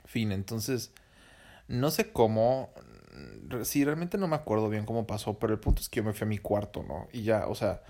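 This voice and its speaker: A man's voice: lowish voice, fairly quick, a little mellow. A young man with a Mexican accent telling a personal story in a casual, slangy, profane and rambling way.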